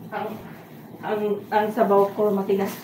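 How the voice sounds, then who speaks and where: A woman joining a casual home live stream as co-host, trading quick remarks. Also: medium pitch, monotone, background noise.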